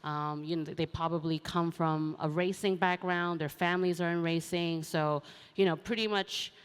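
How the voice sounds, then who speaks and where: A woman's voice: on the low side, steady tone, normal speed, smooth. A young adult woman from Hong Kong speaking on a conference panel, talking casually with many fillers like um and you know. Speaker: panel speaker, racing driver. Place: large conference hall. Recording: long hall reverb.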